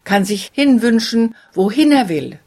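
A woman voicing two quarrelling male giants in a storybook, in a slow, breathy reading voice. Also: fairly high pitch, sing-song, a little mellow, voice pushed up, heavily acted. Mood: persuasive.

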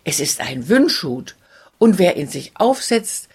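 Woman reading two squabbling giant men in a fairy tale, slow and a bit breathy. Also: fairly low pitch, very animated, darkish tone, full character voice. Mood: persuasive. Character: two quarrelling male giants.

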